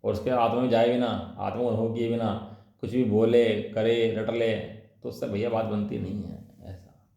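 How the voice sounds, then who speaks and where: In an echoey, reverberant room, a man teaches scripture casually, posing rhetorical questions and repeating key phrases and tag words. His voice is fairly low, gravelly and dark, steady in tone at a moderate pace, and the recording sounds dull.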